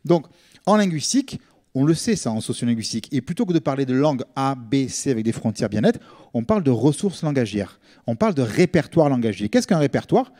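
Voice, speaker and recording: A man's voice: mid-range voice, big pitch swings, brisk, warm tone. A middle-aged man with a Marseille accent gives an informal lecture, explaining things conversationally as a linguist and often checking in with his listeners. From Marseille, France. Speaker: linguist giving a public talk.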